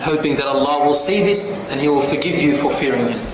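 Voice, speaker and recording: A man delivers an Islamic sermon in a solemn, emphatic preacher's manner, placing deliberate pauses between phrases. His voice sits slightly high for a man. The recording is heavily reverberant, as in a large hall, with clear background noise. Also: lo-fi sound. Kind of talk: sermon to a live congregation. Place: large echoing room before an audience.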